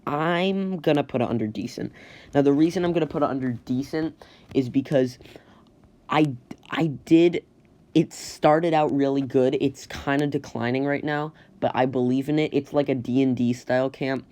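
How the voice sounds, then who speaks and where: A man giving casual, halting tier list commentary as host, often rephrasing himself, on a cheap built-in phone microphone. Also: medium pitch, a little mellow. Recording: rough amateur phone microphone with automatic audio.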